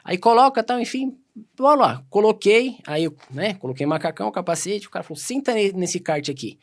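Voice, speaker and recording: A Brazilian man telling stories as a podcast guest, casual and animated, acting out quoted dialogue. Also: sits high. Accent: Brazilian Portuguese. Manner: animated, quick anecdotes full of quoted dialogue. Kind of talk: casual storytelling.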